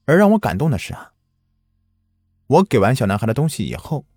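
A man's voice: medium pitch, very animated, fairly quick, darkish tone, slightly rough, dry recording, clean studio sound, soft background music. A man narrating a first-person ghost story in an earnest manner, recounting a village memory from his childhood.

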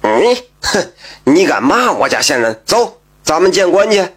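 Brief: male storyteller doing a sly, wheedling rogue, voice pushed up high, storybook telling. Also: big pitch swings, unhurried, breathy edge, exaggerated voice. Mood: brazen. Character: sly, whining male village scoundrel.

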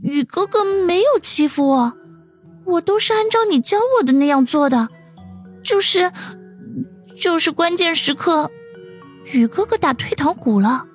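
A woman's voice: high voice, expressive, measured pace, soft background music. A woman voicing a shy, clingy young woman who pleads tearfully and sweetly with her lover. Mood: bashful.

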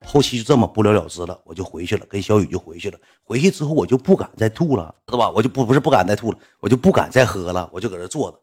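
A man with a Northeastern Mandarin accent tells a casual story in a low voice. He talks quickly, loops back on his own words and leans hard on fillers as he goes. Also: lively intonation, a little mellow, breathy edge. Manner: rambling, repetitive, full of fillers. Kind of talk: casual spoken anecdote.

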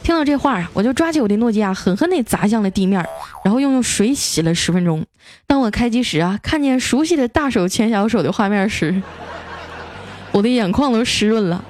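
On her comedy podcast, this woman reads out jokes sent in by listeners, teasing playfully and voicing each character. She sounds a little high-pitched and animated, speaking a bit fast with a darkish tone over slight background noise. Self-mocking and quick to laugh, she changes her voice for every quoted character.

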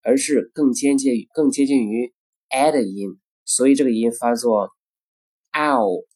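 A man teaching pronunciation, saying each example word twice in a deliberate way. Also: medium pitch, mellow, husky. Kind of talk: pronunciation lesson.

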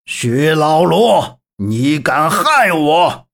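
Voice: medium pitch, wildly swooping pitch, takes it slowly, breathy edge, pitched above the performer's own voice, exaggerated voice. A storyteller voicing a cruel, boastful male warlord who bellows and then begs. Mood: furious.

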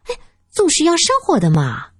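Spoiled, bullying young woman, voiced by a woman, high and shrill, husky edge, wheedling and sneering in turns. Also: sing-song, a little slow, no echo, studio quality, faint music behind, heavily acted. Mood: wheedling, teasing.

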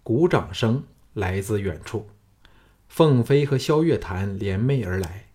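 A man narrating a wuxia novel as an audiobook, in a steady, measured storytelling manner. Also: on the low side, husky.

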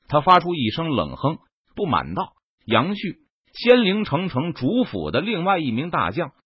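Lively male audiobook narrator, lo-fi. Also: fairly high pitch, breathy edge, dry recording.

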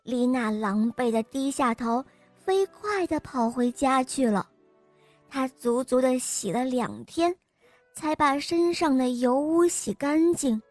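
A woman host reading a fairy tale for children in a gentle, clear, unhurried way. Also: high-pitched, dry recording, faint music behind. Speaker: storyteller host.

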